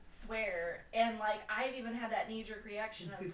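A woman's voice: fairly high pitch, slight background noise. A woman who trained as a nurse, chatting casually with a wry, joking manner. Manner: chatty, wry, quick to laugh. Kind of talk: casual podcast chat. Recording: roomy, distant mic with faint ambience.

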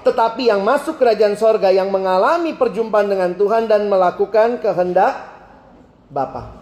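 A man preaching a sermon, acting out both sides of a phone conversation in a lively storytelling way and stretching single words for emphasis. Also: high-pitched. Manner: animated, acts out both sides of a phone call; emphatic, drawn-out words for stress. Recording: echoey hall with faint ambience.

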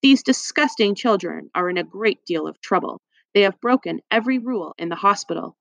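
A woman's voice: mid-range voice, lively intonation, fairly quick, gravelly, fairly bright tone, no echo. A woman voicing a cruel, spiteful hospital matron with a cold, scornful manner. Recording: dry, slightly muffled.

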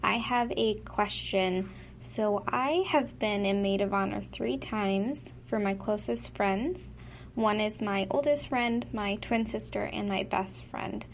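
A woman's voice: mid-range voice, slow, slight background noise. A woman from the States leaving a friendly, slightly hesitant voice message that is played back on the show. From United States. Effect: recorded voice message played back on the show. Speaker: listener sending in a question. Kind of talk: casual voice message asking for advice.

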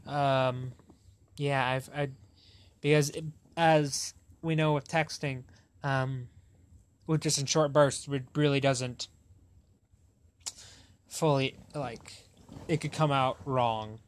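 A man's voice: medium pitch, fairly even intonation, slow pace, pauses often, clean tone. A young man hosting a podcast in casual chat, rambling and correcting himself as he talks. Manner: rambling, self-correcting, laughs often. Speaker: podcast host.

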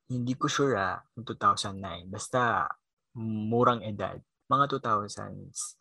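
A man's voice: on the low side, slow, creaky, pushed and bright, breathy edge, no room sound, low-quality recording. A young man with a Filipino accent, co-hosting a casual podcast chat, mixing English into his talk and laughing often. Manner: switches between Filipino and English, laughs often, trails off with fillers. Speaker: podcast co-host.

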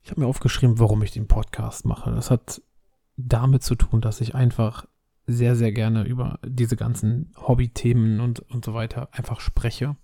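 On his solo podcast, a thirty-something host from Berlin, Germany, chats while sick with a cold. His medium-pitched voice is creaky and moves at normal speed, and he rambles in a relaxed way with frequent fillers and restarts.

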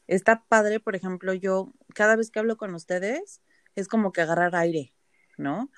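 A woman's voice: medium pitch, normal speed, no room sound. A Mexican woman co-hosting a podcast, chatting casually and telling stories animatedly, full of slang and swearing. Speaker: podcast co-host. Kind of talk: casual chat.

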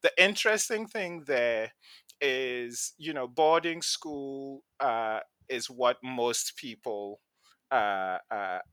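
A middle-aged man from Ghana, a venture investor and podcast guest, telling his life story with thoughtful pauses and repeated words as he starts sentences. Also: medium pitch, expressive, a bit bright, dry recording. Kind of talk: conversational interview storytelling.

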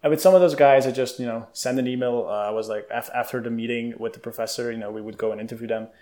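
A young man from Belgium, a guest in an interview, telling his story in a lively, casual way with many fillers. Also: mid-range voice, fast talker.

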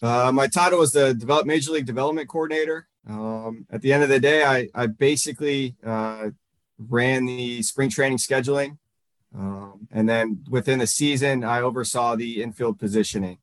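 A baseball coach in his thirties from Northern Virginia answers interview questions haltingly, with lots of fillers and restarts. His voice is mid-range and the recording has no echo.

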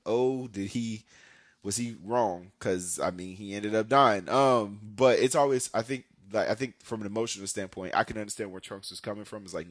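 A man's voice: on the low side, no room sound, clean studio sound. A young man hosting a podcast, talking casually about anime in a rambling way, with lots of fillers and self-corrections. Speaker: podcast host. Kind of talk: casual anime talk monologue.

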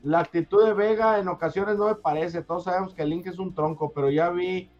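A man's voice: sits high, fairly even intonation. A man, hosting a casual sports chat and reading listener messages aloud in a joking way. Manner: joking, reads messages aloud in a quick, loose way. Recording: slightly dull sound, faint music behind.

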